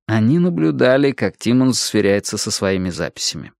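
A man narrating an audiobook in a steady, measured storytelling manner. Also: lowish voice, gravelly, no room sound, clean studio sound. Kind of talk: scripted narration.

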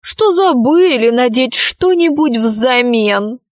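Sinister troll captain read by a woman, slow gloating delivery, close dry sound, storybook. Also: fairly high pitch, animated, no room sound. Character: crafty predatory male troll posing as captain.

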